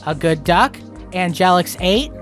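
A man's voice: high-pitched, lively intonation, unhurried, a bit bright, faint music behind. A young man hosting a review video, with sarcastic, profane ranting commentary. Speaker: video critic host.

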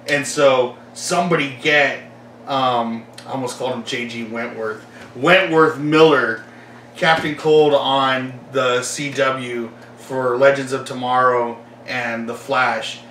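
Young adult man, casual filler-heavy vlog ramble; bright, tense voice, roomy echo, a little far from the mic, faint room hiss. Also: mid-range voice. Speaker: collector vlogger.

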